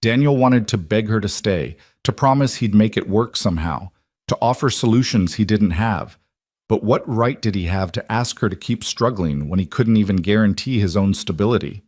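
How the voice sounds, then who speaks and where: Calm low-voiced male storyteller. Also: normal speed, no room sound, studio quality. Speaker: narrator. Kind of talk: scripted narration.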